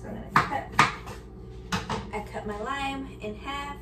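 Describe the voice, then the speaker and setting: An early-twenties cooking vlogger with a high, unhurried voice chats casually and candidly to her viewers while she cooks, using informal, slangy language. She's in her home kitchen, picked up by a camera sitting on the counter a few feet off, so the audio sounds roomy and distant with background noise.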